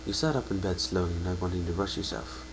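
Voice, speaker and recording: A man gives a dramatic reading of a second-person story, sometimes stumbling and correcting himself. He talks fast in a low voice, recorded at home with a faint hum.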